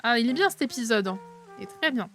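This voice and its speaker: A woman casually commenting on a game stream and reading the game's dialogue aloud, expressive and chatty, with a habit of mocking characters. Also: quick pace. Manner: chatty and expressive, mocking other characters in exaggerated high tones. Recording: faint game music underneath.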